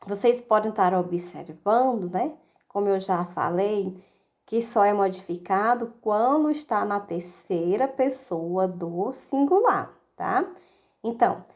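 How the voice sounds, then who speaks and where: A woman's voice: medium pitch, a little mellow. A woman teacher giving a recorded video lesson, explaining step by step and answering her own questions. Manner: explains step by step, asks the class questions and answers them herself; reads English example sentences slowly and deliberately. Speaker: English teacher.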